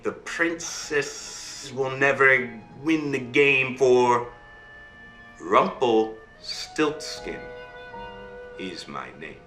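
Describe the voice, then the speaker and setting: A man voicing a sly little male imp in a low hushed sing-song, telling a fairy tale over a video call. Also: roomy sound, recorded from a distance, full character voice.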